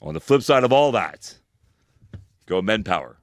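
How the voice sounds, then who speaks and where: A man in his forties speaks in a deep, low voice, sounding dry and close to the mic. He talks emphatically and preaches to his listeners in a casual podcast chat, swearing freely. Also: expressive, moderate pace, no echo. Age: 40s. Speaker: podcast co-host.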